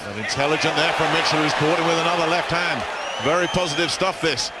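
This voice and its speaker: A man's voice: on the high side, quick pace. A man giving live boxing commentary. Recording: live arena broadcast, very loud crowd noise.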